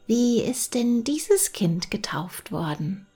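A woman's voice: on the high side, big pitch swings, takes it slowly, dark tone, husky, soft background music, heavily acted. A woman doing a small, naive mouse. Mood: wondering. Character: small timid, tidy female mouse, naive and wondering. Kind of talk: storybook reading.

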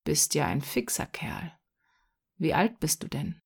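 A woman's voice: low voice, lively intonation, a little slow, creaky, darkish tone, breathy edge, exaggerated voice. Woman reading as a kindly, coaxing older man. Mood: teasing. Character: kindly bow-legged man with a rabbit basket.

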